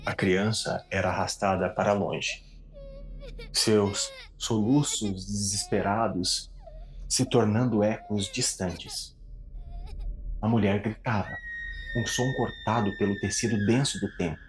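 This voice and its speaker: Low-voiced man narrating a horror story. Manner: measured, dramatic storytelling.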